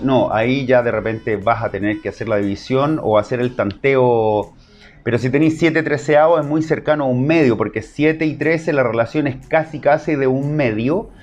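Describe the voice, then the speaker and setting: A man's voice: medium pitch, darkish tone, muffled recording. Chilean man teaching math. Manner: explains step by step, asks the class short check questions. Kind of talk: online math lesson.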